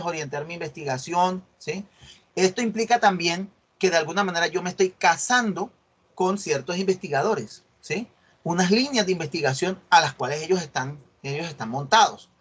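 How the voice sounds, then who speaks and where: This is a middle-aged man teaching a university class over a video call. His voice sits a little on the high side. He explains by acting out little dialogues with his students and keeps checking that they are following. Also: fairly bright tone. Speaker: university lecturer. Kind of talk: online class lecture.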